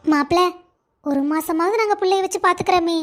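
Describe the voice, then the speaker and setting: Cartoon mom, very high and fussy, doting and bossy, woman voiced. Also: a little fast. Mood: fussing. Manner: fussing, affectionate, bossy. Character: doting middle-aged village mother. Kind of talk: Tamil cartoon voice acting.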